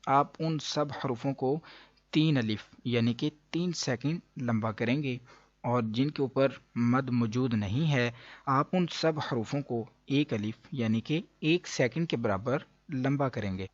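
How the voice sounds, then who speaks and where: A man teaching a Quran reading lesson. He explains each rule, then slowly drawls out the letter sounds for the listener. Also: mid-range voice, no echo. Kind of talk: step-by-step recitation lesson. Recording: dull dry lo-fi recording.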